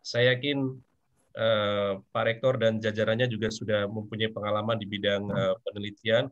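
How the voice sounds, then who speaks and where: A male visiting professor giving formal remarks at a meeting, hesitant and full of pauses. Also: lowish voice, flat delivery, muffled recording. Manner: hesitant, many fillers.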